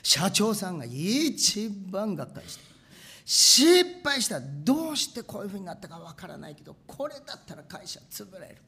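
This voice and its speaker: A pastor telling a story in a sermon, animated and acting out machine noises with sound words. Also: medium pitch, moderate pace, gravelly.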